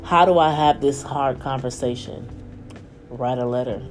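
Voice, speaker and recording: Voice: medium pitch, moderate pace, background noise. A podcast host reading their own essay aloud as a candid, emphatic personal monologue, breaking off for off-the-cuff asides.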